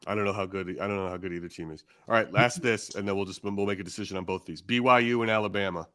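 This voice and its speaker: A man's voice: on the low side, fast, fairly bright tone. A man co-hosting a live paranormal stream, steering the group toward decisions and reading the chat aloud. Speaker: co-host.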